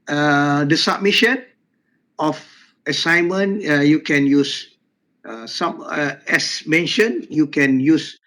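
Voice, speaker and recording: An older man giving a university lecture on a video call, halting with many fillers and repeated words. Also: a little high, a bit bright, poor audio. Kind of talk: online class lecture.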